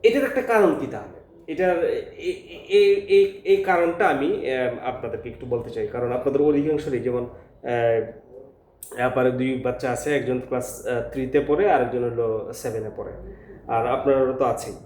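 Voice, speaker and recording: A man's voice: medium pitch, moderate pace, pauses often, darkish tone. A man talks earnestly to a room of parents, stopping often on filler sounds as he explains their children's reading trouble. His voice rings in an echoey classroom. A faint background hum sits under it. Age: adult with a school-age child. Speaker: English teacher. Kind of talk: informal talk to parents.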